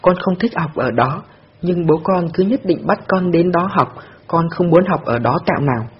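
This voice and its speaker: A man's voice: a little high, animated, normal speed, breathy edge, pitched above the performer's own voice. A man voicing a stubborn little girl who lies and cries, her voice strained and pleading. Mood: tearful. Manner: crying, pleading. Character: stubborn lying little girl, tearful and sly. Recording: dull lo-fi recording.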